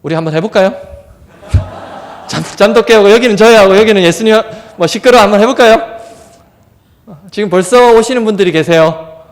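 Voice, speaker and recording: A man preaching a revival sermon in a church, animated and acting out crowd voices. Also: high voice, a little fast. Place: church sanctuary. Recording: long hall reverb.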